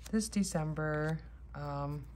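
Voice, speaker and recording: Casting: woman, low-pitched, sleepy and rambling casual vlogger, some room noise behind her. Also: a little mellow. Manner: sleepy, unhurried rambling with trailing-off thoughts. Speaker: host of a tarot deck haul vlog.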